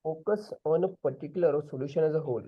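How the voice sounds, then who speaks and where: A man's voice: on the high side, fast, dull audio. A man with an Indian accent giving direct group discussion feedback as an interview prep mentor, switching now and then into Hindi.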